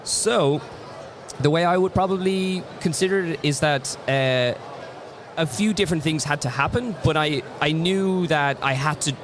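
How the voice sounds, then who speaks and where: Over background noise, a man from Ireland with a voice on the high side speaks at normal speed. He's a comic artist appearing as a guest in a relaxed interview, sharing thoughtful stories with many restarts.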